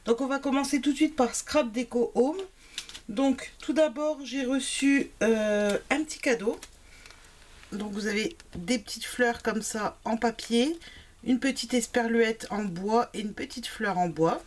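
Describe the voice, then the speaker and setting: A woman's voice: on the high side, a little slow, a little hiss or hum. A woman chatting casually through a craft shopping haul, with frequent fillers. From Italian family background. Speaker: craft vlogger. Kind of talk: casual product haul chat.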